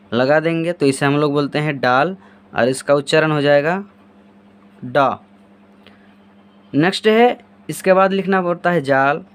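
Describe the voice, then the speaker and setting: A man walks through each letter, narrating as he draws it. His voice sits a little high for a man. He keeps asking himself what comes next and then answering. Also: clear, resonant tone. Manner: answers his own repeated questions while demonstrating. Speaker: Urdu handwriting teacher. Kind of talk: step-by-step writing lesson.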